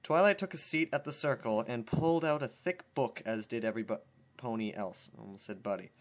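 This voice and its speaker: A medium-pitched man talking a little fast hosts a channel where he casually reads fan stories aloud. He often stumbles over the words, laughs at the text, and comments with obvious amusement.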